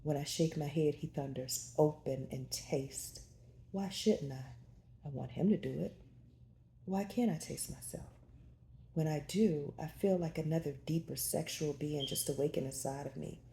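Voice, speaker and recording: Woman reading a romance audiobook, low dark voice, kinda breathy, echoey room w faint hiss. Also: moderate pace. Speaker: audiobook narrator. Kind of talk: first-person romance audiobook narration.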